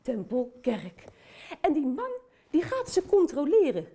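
A woman's voice: sits high, huge pitch swings, a little slow, gravelly, dark tone, heavily acted. A woman playing a cheerful, chatty aunt who tells a Bible story to children and talks to them directly.

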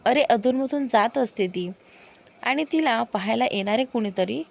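A woman's voice: on the high side, moderate pace, gravelly. A woman voicing a teasing, bossy young best friend in a spoken love story. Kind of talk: storybook character voice.

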